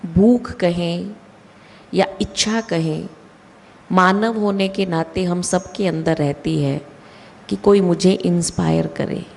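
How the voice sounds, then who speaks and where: A woman giving a slow, deliberate spiritual talk with emphatic rises in her voice. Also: mid-range voice, a little mellow. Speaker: spiritual speaker. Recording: long hall reverb.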